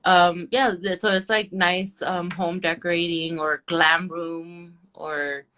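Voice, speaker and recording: A woman, a nail artist chatting candidly as an interview guest, relaxed and full of "like" and "um". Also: fairly low pitch, slow pace, a little hiss or hum. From Orange County, California. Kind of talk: casual interview chat.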